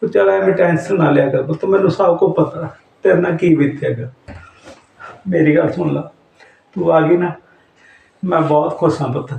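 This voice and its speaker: An actor playing an ailing elderly father who gently comforts his returning daughter. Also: a little high, normal speed, vocal fry, long pauses. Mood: comforting. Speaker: father character. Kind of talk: Punjabi short-film acting. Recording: roomy echo, mic at a distance.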